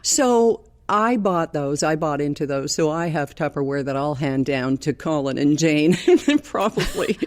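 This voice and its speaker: An older Canadian woman co-hosts a podcast from a hotel room, a towel over her head and pillows behind the mic. Her deep, slightly mellow voice is unhurried, and she's chatty and quick to laugh in this casual conversation.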